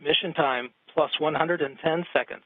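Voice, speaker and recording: A man's voice: fairly high pitch, normal speed, no echo, narrow, tinny audio. A man working as a launch controller, making technical status callouts in a clipped, procedural delivery. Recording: very loud noise over the voice.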